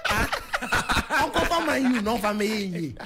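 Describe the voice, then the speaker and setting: A man's voice: very high voice, sing-song, slow, very noisy. A man with a Ghanaian accent in a heated, casual football debate, challenging others with repeated questions.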